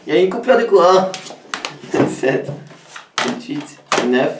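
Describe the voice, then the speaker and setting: A man's voice: on the high side, very animated, unhurried. Southern french guy chatting away, far off mic in an echoey room w/ noise. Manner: chatty, counts aloud, laughs often. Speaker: flea market video host. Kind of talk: casual live unboxing chat.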